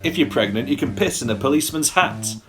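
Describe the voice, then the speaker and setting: Dry comedian, deadpan, faint guitar behind. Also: male voice, mid-range voice, fast. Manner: dry, absurd, lightly sweary. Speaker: stand-up comedian.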